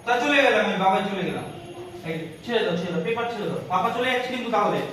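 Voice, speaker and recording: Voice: medium pitch, very fast, a bit bright. A father teases his small child in a playful voice. The room sounds echoey, and a faint hum runs underneath. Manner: teasing, playful. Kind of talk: playful teasing.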